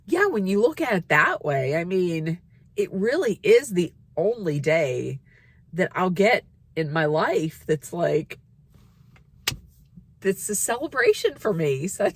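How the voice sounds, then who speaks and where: Chatty, excitable woman in her fifties. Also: lowish voice, husky. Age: 50s. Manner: chatty and excitable, with squeals and laughs. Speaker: vlogger. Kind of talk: casual vlog chat to camera.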